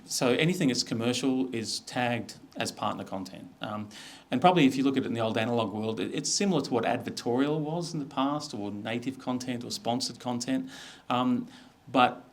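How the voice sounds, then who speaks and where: A middle-aged Australian man, a media executive, gives an informal business presentation. His voice is medium-pitched and fairly quick, and he explains things in a conversational way.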